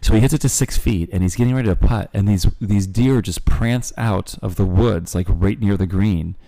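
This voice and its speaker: A man's voice: on the low side, normal speed, creaky, dark tone, no room sound, rough recording. A man co-hosting a casual chat, a teasing, chatty storyteller. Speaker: podcast co-host and golf dad.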